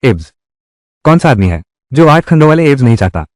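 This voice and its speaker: A man's voice: medium pitch, very animated, a little fast, dry recording, studio quality, close to an everyday voice. A man playing a cheeky young college guy. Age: young adult. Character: reborn young male college student, cheeky and self-assured. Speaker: college student. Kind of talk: dubbed drama dialogue.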